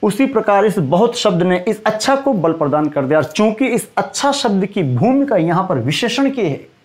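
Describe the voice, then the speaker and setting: A man teaching a Hindi grammar lesson, quizzing his students and slowly repeating the key terms for emphasis. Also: sits high, big pitch swings, darkish tone.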